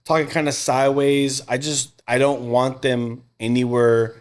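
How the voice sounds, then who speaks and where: A man's voice: medium pitch, level tone, normal speed, smooth. Slangy laid-back man in his thirties. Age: 30s. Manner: laid-back slangy talk, says bro often. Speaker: tattoo artist, guest. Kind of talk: casual chat.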